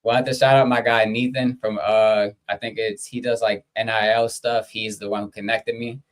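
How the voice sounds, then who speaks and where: A man's voice: on the low side, little pitch movement, moderate pace. Easygoing man with a Baltimore accent. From Baltimore, USA. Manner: easygoing, giving shout-outs. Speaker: guest. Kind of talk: casual chat.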